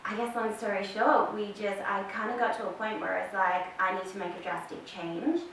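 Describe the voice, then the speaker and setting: A woman's voice: medium pitch, steady tone, fairly quick, a bit bright. A woman in her thirties with an Australian accent, chatting as a podcast guest and telling her story with many fillers. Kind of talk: casual interview chat. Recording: echoey room, distant mic, faint hiss.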